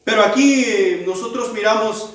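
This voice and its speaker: A man's voice: high-pitched, moderate pace. A man preaching a sermon to his congregation, asking rhetorical questions and acting out the cries of the people in the story. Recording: echoey hall, voice from far off the mic.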